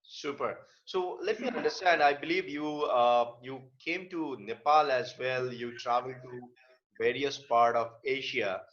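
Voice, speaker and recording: A man hosting an online interview, speaking haltingly with frequent fillers. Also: medium pitch, fairly bright tone, slight background noise. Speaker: host. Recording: dull lo-fi call audio.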